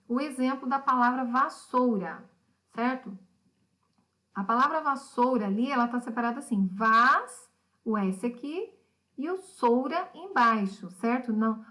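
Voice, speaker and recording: A middle-aged woman teaching a recorded lesson, patient and explanatory. Her voice sits a little high. She keeps asking her pupils questions as she goes. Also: a bit bright.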